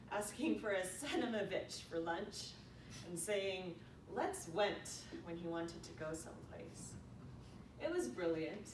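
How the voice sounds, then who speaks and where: In a room full of echo, a woman reads a prepared eulogy aloud like she's telling a story. The mic sits far from her, and a noisy rumble runs underneath.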